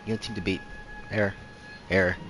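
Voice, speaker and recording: A man's voice: low-pitched, level tone, music in the background, rough recording. An actor voicing a malfunctioning male robot sentry in a video game, speaking in a glitchy, stuttering machine voice. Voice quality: stammering, halting.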